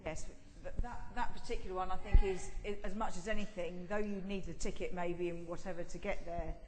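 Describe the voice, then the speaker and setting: A woman co-presenting informally to a group, halting and conversational, in a reverberant hall. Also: lowish voice, fairly even intonation, noisy background. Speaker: co-presenter at a church gathering. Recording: echoey hall with long reverb.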